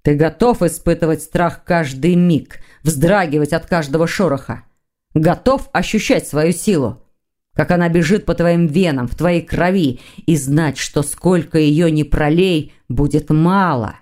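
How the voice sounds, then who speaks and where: A woman reading an audiobook, voicing an older male demon, a rector and father who speaks in a dry, mocking, measured way. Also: sits low, a little mellow.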